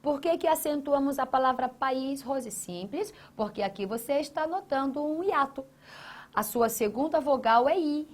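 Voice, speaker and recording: A woman with a fairly high voice leads a grammar lesson. She is emphatic and keeps putting questions to her student, then answering them herself. She repeats each key phrase to drive it home. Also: expressive, normal speed. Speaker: Portuguese grammar teacher.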